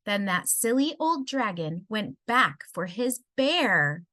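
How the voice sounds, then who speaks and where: A woman reading a rhyming children's story aloud in an expressive storybook style. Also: mid-range voice, slow pace, dry recording, clean studio sound. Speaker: storybook reader.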